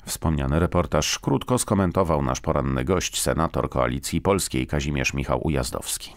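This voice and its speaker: A man's voice: a bass voice, normal speed, no room sound. A man reading a formal radio news bulletin in a studio. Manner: steady, formal newsreading.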